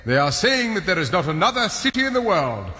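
A pompous palace soldier in the manner of a royal chamberlain. His highish voice rises and falls grandly with formal deference, in a long hall reverb over music. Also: big pitch swings, brisk, sharp tone, heavily acted. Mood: dryly deferential. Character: pompous palace soldier, ceremonious servant of the king. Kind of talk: theatrical audio drama acting.

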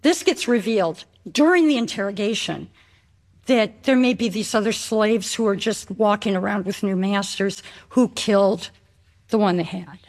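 A woman's voice: medium pitch, normal speed. A woman author speaking in an interview, explaining in an engaged way. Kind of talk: interview remarks.

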